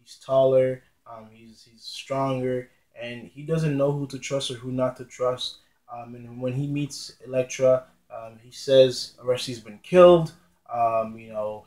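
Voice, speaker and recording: A man explains a classic play in a casual spoken summary, retelling it with frequent ums and restarted sentences. His voice is medium-pitched with a darkish tone. The room is echoey and the audio quality is poor.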